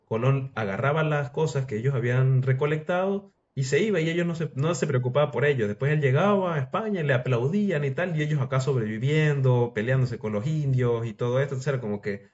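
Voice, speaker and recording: A man's voice: medium pitch, a little fast, few pauses, darkish tone. Chatty man telling history. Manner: loose, chatty, acts out quotes. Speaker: history storyteller. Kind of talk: casual history retelling. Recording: dull lo-fi sound.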